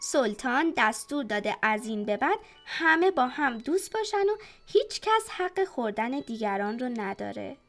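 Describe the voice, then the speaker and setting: A woman's voice: high-pitched, hardly any pauses, faint music behind, exaggerated voice. Woman putting on a sly sweet-talking fox. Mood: coaxing. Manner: honeyed, coaxing flattery.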